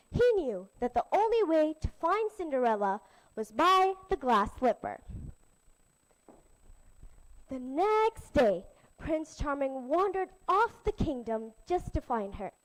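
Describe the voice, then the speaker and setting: A woman's voice: sits high, poor audio. A woman telling a fairy tale to children as a storyteller, in a sing-song manner. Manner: slow, lively, sing-song.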